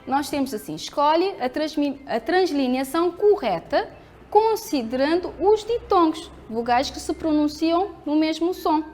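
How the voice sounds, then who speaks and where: A woman teacher with a European Portuguese accent, her voice high and rising and falling a lot. She talks to pupils clearly and patiently, asking questions and answering them herself. Soft music plays faintly behind her. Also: expressive, unhurried. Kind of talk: televised school lesson.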